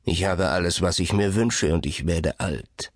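A man voicing a weary old man who sighs heavily as he talks someone into buying a cursed bottle, speaking low and hushed. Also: a little slow, no room sound, clean studio sound. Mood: weary, persuasive.

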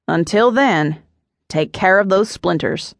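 A woman voicing a steady male police detective who questions people in a formal, clipped way. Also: mid-range voice, slow, creaky, no echo, studio quality. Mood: brisk.

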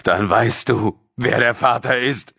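Ein Mann spricht einen tobenden, strengen katholischen Vater, der seine Tochter anschreit, in einer Hörbuchlesung. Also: male voice, mid-range voice, slow pace, vocal fry, husky, voice pushed up, full character voice. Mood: raging. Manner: shouting, raging.

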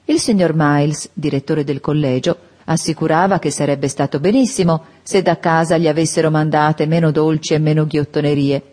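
A woman with a low, deep voice reads a classic novel aloud as an audiobook narrator. Her tone is mellow and warm, and her delivery is measured and expressive, with steady literary phrasing.

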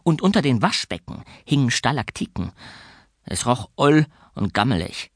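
A man narrating a children's audiobook in an expressive storytelling way. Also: medium pitch, normal speed, breathy edge, no echo, clean studio sound.

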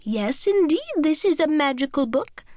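A woman voicing a kindly, gracious fairy godmother who speaks softly and patiently in a storybook reading. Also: high-pitched, very animated, normal speed, no room sound, voice pushed up. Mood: gentle.

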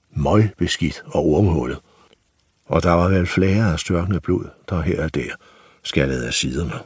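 A man with a husky voice narrating a children's audiobook with expressive storytelling. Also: very deep voice, no room sound.

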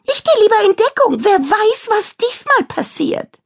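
A woman voicing a mocking, gleeful female witch who sneers at her rival in a high, shrill voice. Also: big pitch swings, unhurried, gravelly, full character voice. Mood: scolding.

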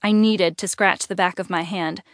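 A woman narrating a first-person audiobook in an even, clear storytelling manner. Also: lowish voice, normal speed, no echo, clean studio sound.

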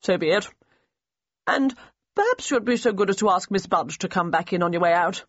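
A woman's voice: mid-range voice, animated, slightly rough, no echo. Woman voicing a muttering evasive army major. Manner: muttering, dodging and hurried. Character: evasive middle-aged male army major. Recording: slightly muffled audio.

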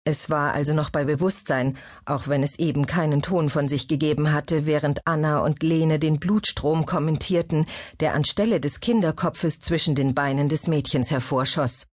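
A woman reading a historical novel as an audiobook in a measured storytelling manner. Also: low voice, fairly even intonation, darkish tone, no echo, clean studio sound. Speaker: audiobook narrator. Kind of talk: scripted narration.

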